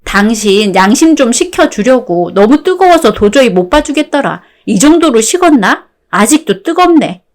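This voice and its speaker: A woman's voice: on the high side, moderate pace, few pauses. A synthetic woman's voice as a cool, sarcastic wife. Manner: calm, sarcastic, firm. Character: fed-up wife, cool and cutting. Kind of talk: radio drama voice acting.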